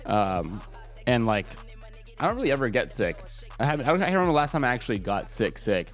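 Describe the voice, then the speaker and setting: A man on a live stream sounds very animated and quick, his mid-range voice a little stuffy from congestion. He jokes around casually with lots of swearing, speaking into a desk microphone while faint music plays.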